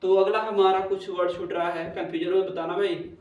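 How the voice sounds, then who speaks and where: High-voiced man teaching in an echoey room. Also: little pitch movement, fairly quick, dull audio. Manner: repetitive, checks in with listeners often. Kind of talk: classroom lesson. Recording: echoey room, mic at a distance, faint hum.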